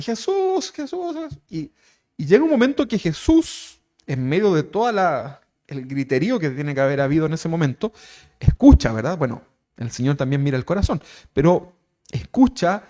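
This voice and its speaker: A man preaching a conversational sermon as pastor, animated and constantly asking his listeners questions. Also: fairly high pitch, brisk.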